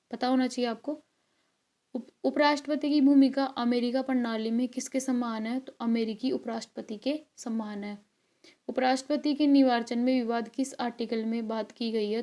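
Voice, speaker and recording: Young woman, exam-prep teacher; mellow tone, slightly high but flat delivery, chatty and coaxing. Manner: chatty, encouraging, coaxing students; frequent check-ins and fillers. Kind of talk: recorded video lesson.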